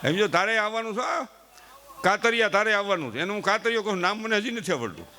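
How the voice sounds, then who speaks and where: A man's voice: high voice, animated, quick pace, sharp tone. A middle-aged man, giving a chatty folksy comedy monologue on a live stage and talking straight to the audience. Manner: chatty, addresses the audience directly, acts out quoted family members.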